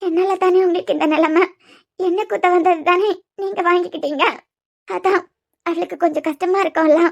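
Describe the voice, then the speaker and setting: A woman voicing an anxious, devoted young wife in a cartoon, pleading softly in a Kanyakumari Tamil accent. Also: very high-pitched, fairly even intonation, a little fast, creaky. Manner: pleading, soft. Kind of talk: cartoon voice acting.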